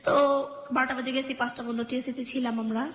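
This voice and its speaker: A woman's voice: a little high, little pitch movement, racing, reverberant, dull audio. A young woman calling in to a radio show, earnestly retelling her own life story and acting out her family's quarrels. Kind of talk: personal story told on a call-in radio show.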